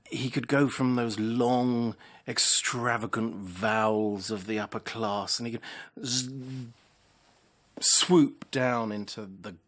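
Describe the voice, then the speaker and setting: A man reflecting thoughtfully in an interview, measured, with small stumbles. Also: mid-range voice, fairly bright tone. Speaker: commentator.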